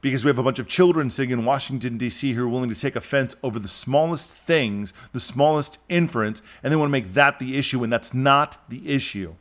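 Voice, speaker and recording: A man hosting a podcast, delivering an animated, exasperated opinion monologue. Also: medium pitch, brisk, few pauses. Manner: animated, exasperated ranting with mocking impressions. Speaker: podcast host.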